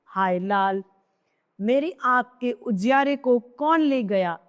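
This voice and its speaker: A woman's voice: on the high side, expressive, slow, smooth, big-room sound. A woman voicing a grieving queen mother who laments over her dead son with repeated cries. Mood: grief-stricken. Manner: wailing lament, cries of hai.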